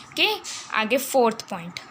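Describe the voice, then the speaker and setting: A woman with an Indian accent teaching a science lesson, reading English lines slowly and then explaining them in Hindi mixed with English, asking herself questions and repeating words. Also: fairly high pitch, animated, fairly bright tone, a little hiss or hum.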